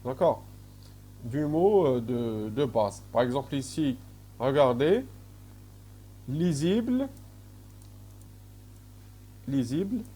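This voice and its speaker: A man's voice: mid-range voice, dark tone, breathy edge. A man with an Algerian French accent giving a recorded university lecture, hesitating often and checking in with his students. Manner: slow, checks in often with "d'accord?", many hesitations.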